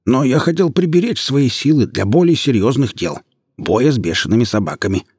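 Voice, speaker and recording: Polite old-fashioned bald mage, man doing the voice, husky, dry. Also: medium pitch, expressive, brisk, darkish tone, no room sound, pitched above the performer's own voice. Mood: courtly. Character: bald self-taught male mage, courtly and wry.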